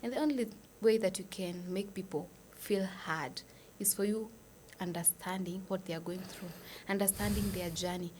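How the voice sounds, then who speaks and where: Kenyan woman, podcast guest, earnest and measured with breathy near-whispers, faint noise behind her. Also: mid-range voice, fairly even intonation, darkish tone. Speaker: guest, nurse and foundation founder. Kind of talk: podcast interview.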